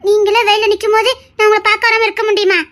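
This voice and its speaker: A woman's voice: very high voice, level tone, racing, fairly bright tone. A woman with a Tirunelveli accent playing a young lover who fusses over him and scolds him tenderly. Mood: fussing, doting. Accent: Tirunelveli Tamil. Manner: scolding, fussing, affectionate. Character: young woman Anandhi, doting and fussy lover. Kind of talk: web series drama.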